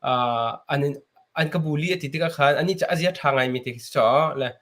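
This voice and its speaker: A man's voice: a little high, fairly quick, fairly bright tone. A man interviewing a guest, hesitant and full of fillers. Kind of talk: interview questions.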